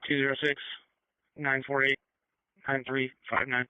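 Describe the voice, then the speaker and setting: A man's voice: medium pitch, monotone, measured pace, clear, resonant tone, no room sound, narrow, tinny audio. A man in informal conversation over a two-way radio. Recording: band-limited scanner radio, dry.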